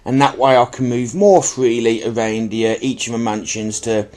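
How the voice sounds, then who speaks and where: At normal speed and with a steady, somewhat mellow medium-pitched voice, this man rambles apologetically through casual unboxing-style commentary on an item in his own video. His nose is blocked, so he sounds stuffy and slightly bunged-up.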